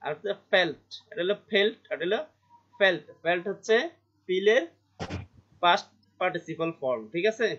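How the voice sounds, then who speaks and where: A male teacher in a vocabulary lesson, reading English definitions slowly and explaining them more quickly, often checking in with his students. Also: high-pitched, a bit bright, husky. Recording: dull lo-fi recording.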